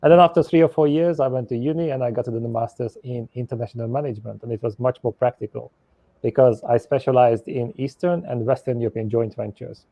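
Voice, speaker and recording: A man's voice: medium pitch, fairly even intonation, quick pace, dark tone, dry recording. Candid man, dry audio. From Hungary. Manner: candid, matter-of-fact. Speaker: guest. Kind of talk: conversational storytelling.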